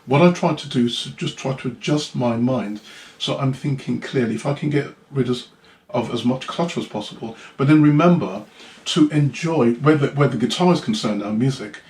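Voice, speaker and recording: A guitarist man being interviewed in relaxed chat, rambling and hesitant, sometimes singing rhythms as "da da". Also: mid-range voice, a little fast. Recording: roomy echo.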